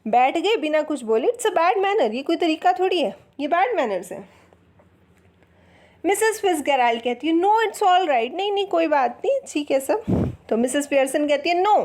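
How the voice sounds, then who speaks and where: High-voiced woman explaining a text. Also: a little mellow. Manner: reads English lines slowly, then explains in Hindi. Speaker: English teacher. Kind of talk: line-by-line lesson explanation.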